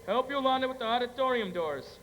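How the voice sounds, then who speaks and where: A school stage actor as Howard, a flustered studio boss who barks orders during a crisis. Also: male voice, extremely high pitch, animated, a little fast, fairly bright tone. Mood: strained. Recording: echoey auditorium, faint noise.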